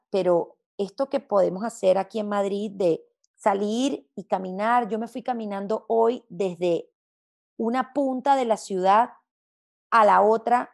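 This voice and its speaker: Pitched on the high side with noticeable vocal fry, this woman is a gastronomy journalist from Venezuela being interviewed. She talks expressively and thoughtfully, her Spanish accent a Latin American blend that's tough to place.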